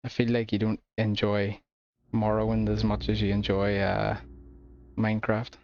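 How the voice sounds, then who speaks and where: A man with an Irish accent chatting casually with his viewers while streaming a game, relaxed and laughing often. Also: on the low side, moderate pace, vocal fry, dull audio. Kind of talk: casual gameplay chat with viewers.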